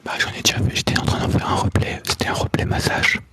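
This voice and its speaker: A man hosting a soft-spoken ASMR live stream, whispering close to the mic and greeting viewers by name. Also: fast talker. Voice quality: deep low voice. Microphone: close sensitive microphone.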